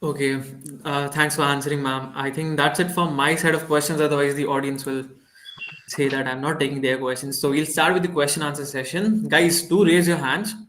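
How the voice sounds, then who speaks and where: Polite moderator in an echoey hall. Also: male voice, a little high, fairly even intonation, fairly quick, a bit bright, slight background noise.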